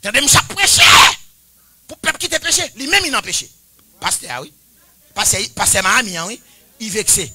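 A man in his forties preaching a sermon, chanting and shouting at the peaks and dropping to quiet, confiding talk between them. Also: sits high, big pitch swings, normal speed, long pauses, slight background noise. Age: 40s. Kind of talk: Pentecostal-style sermon.

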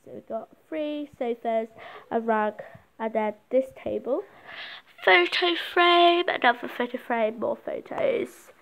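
A woman's voice: fairly high pitch, slow pace, vocal fry, lo-fi sound. A woman giving a casual walk-through of her home, chatting and listing things as she goes, recorded on a handheld phone indoors. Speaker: vlogger giving a house tour. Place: inside a home, moving between rooms. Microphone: handheld phone camera.

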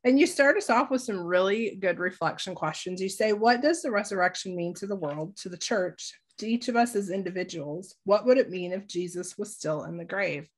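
A woman's voice: mid-range voice, brisk, hardly any pauses. A woman with a stuffy, nasal voice from a cold, hosting a casual church Bible study and leading prayer. She talks cheerfully and laughs easily.

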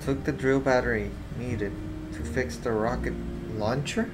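A man plays a game and comments casually as he goes. He mutters to himself in short, slow bursts with long gaps. Loud music from the game runs behind him. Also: mid-range voice, steady tone, low-quality recording. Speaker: gamer, let's player. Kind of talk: casual gameplay commentary, reacting aloud.

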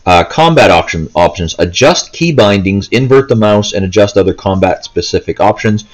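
A man with a lowish, expressive voice talks at normal speed while hosting a gaming video, rambling hesitantly through a casual unscripted walkthrough and often stopping mid-thought. He's indoors, sitting down, handheld console in hand.

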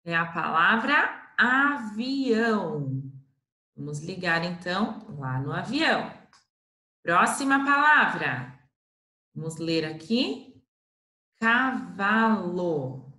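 A woman with a Brazilian Portuguese accent teaching a slow, patient literacy lesson to first graders, stretching out syllables. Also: lowish voice, lively intonation, pushed and bright, reverberant.

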